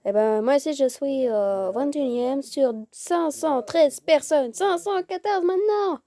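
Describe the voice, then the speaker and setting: A woman's voice: high voice, unhurried, mellow. A woman hosting a casual gameplay video, swearing freely and narrating in a mock-formal tone.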